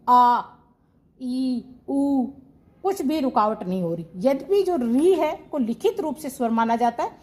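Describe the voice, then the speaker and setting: A woman's voice: high voice, a little mellow. A woman teaching Hindi grammar in an online class. She asks her students questions, answers them herself and repeats the key terms.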